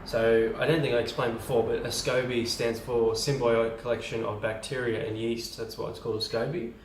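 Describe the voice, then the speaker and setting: A man's voice: medium pitch, fairly even intonation, brisk, a little hiss or hum. Man, home brewer, casual how-to talk, rambling, far from the mic, echoey room. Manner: rambling, lots of ums and restarts. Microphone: camera from a distance. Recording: roomy and distant camera mic.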